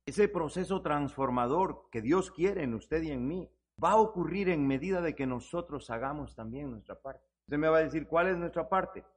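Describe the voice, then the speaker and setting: A man's voice: fairly high pitch, moderate pace. A man preaching a sermon, earnestly addressing the listener as brother and rising to fervent emphasis on scripture. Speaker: pastor.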